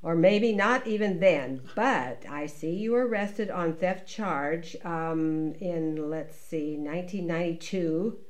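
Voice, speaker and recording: A woman playing a harried immigration attorney who speaks in a hurried, apologetic way. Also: fairly low pitch.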